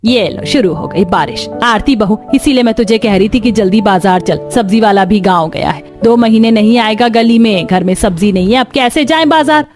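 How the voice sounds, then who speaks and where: A woman's voice: mid-range voice, expressive, moderate pace, few pauses, darkish tone, faint music behind, close to an everyday voice. A woman voicing a stern middle-aged mother-in-law who scolds her daughter-in-law in a cartoon. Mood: fretting. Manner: scolding, commanding. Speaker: voice actor. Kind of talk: cartoon voice acting.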